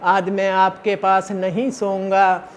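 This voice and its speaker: Grumbling grown son in a parable, as a man voices him, complaining, high-pitched, slow. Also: completely flat delivery, a little hiss or hum. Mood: irritated. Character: impatient grown son, easily irritated.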